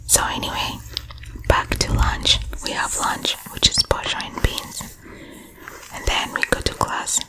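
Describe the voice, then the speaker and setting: A woman whispers close to a sensitive microphone, her voice fully breath with no tone behind it. She drifts through a chatty, rambling ASMR story at an unhurried, drawn-out pace. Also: poor audio. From Uganda. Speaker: ASMR host.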